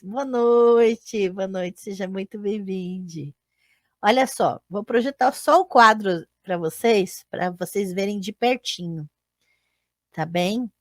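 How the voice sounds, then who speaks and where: Woman, live online lesson, unhurried explaining, keeps checking in with listeners, dry close sound. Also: medium pitch, no echo. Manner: explanatory, with frequent checking tags and self-corrections. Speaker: teacher and podcast host. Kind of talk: live online lecture to viewers.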